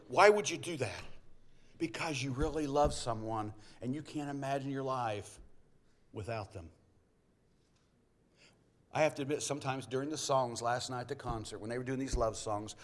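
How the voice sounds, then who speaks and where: A middle-aged man preaching in a folksy, storytelling way. His voice sits at a mid pitch, and he slips in jokey asides between points. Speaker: pastor. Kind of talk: sermon.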